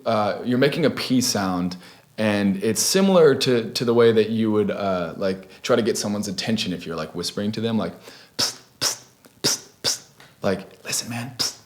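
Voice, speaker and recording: A young man hosting a casual video tutorial, laid-back and chatty with lots of fillers and restarts. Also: fairly low pitch. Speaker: beatbox tutorial host.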